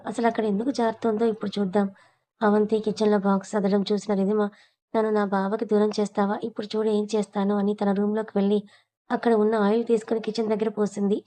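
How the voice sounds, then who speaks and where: Woman narrating a family story in a flat, mellow voice. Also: medium pitch. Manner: reads all characters in a plain voice.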